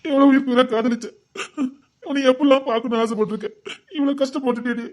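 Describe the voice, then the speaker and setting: A woman whose voice sits high plays a caring young village man in a village romance drama, coaxing and fussing quickly over his sweetheart. Her tone is steady and darkish, close to an everyday voice.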